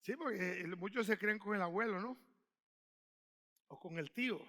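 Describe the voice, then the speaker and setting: A male pastor, preaching a sermon with shouts and call-and-response. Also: high-pitched, normal speed, big-room sound.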